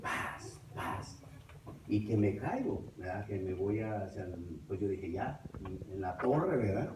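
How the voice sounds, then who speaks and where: A man's voice: lowish voice, lively intonation, unhurried, background noise. Man preaching. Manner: storytelling, swings between loud and hushed. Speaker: preacher giving testimony. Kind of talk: testimony sermon. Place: church. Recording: echoey church from far off.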